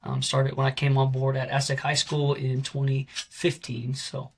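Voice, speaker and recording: A man's voice: medium pitch, monotone, normal speed, slightly rough. A man in his forties, a head coach, talking casually in an interview with many fillers and restarts. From American Southwest. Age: 40s.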